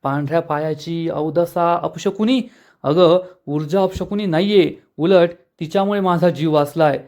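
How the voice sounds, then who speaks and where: A man's voice: a little high, moderate pace, lightly acted. A man voicing an angry young son who defends his wife, in an indignant, raised voice during a serial recap. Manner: shouting, indignant. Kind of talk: dramatic reading of a TV serial recap.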